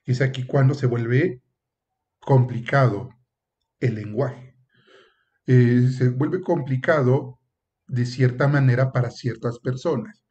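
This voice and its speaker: A male professor lecturing in an even, mid-pitched voice, explaining point by point and filling pauses with hesitant fillers. He now and then slips into short acted exchanges to make a point. The recording sounds muffled and lo-fi. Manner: explanatory, with frequent "eh" and "este" fillers; acts out short example dialogues. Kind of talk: university lecture.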